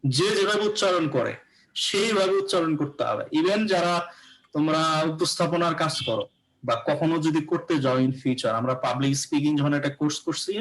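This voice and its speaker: A man with a Bangladeshi accent leads a live pronunciation lesson. His voice sits a little high, and he explains step by step, often asking whether the class follows. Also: a little fast, a little hiss or hum, rough recording. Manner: explains patiently, often checks understanding with rhetorical questions. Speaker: English pronunciation teacher.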